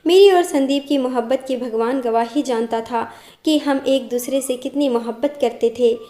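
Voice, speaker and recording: A woman narrating a first-person family story in a steady, even reading voice, voicing the quoted dialogue herself. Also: high-pitched, normal speed, reverberant.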